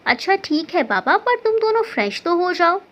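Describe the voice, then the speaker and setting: A woman's voice: extremely high pitch, very animated, moderate pace, fairly bright tone, exaggerated voice. A woman voicing a caring middle-aged mother who scolds her daughter fondly. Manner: fond scolding. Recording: dull lo-fi recording.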